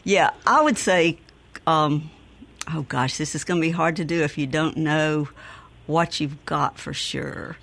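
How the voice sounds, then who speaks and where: A woman's voice: sits low, measured pace, a bit bright. A woman giving casual expert advice on a radio phone-in, informal and thinking aloud as she goes. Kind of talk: casual advice on a call-in show.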